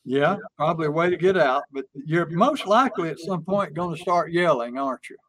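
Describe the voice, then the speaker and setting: A man's voice: fairly high pitch, fairly quick. Folksy man teaching through stories. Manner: folksy, illustrates with stories and acted examples. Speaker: sales and persuasion speaker. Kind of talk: conversational teaching chat.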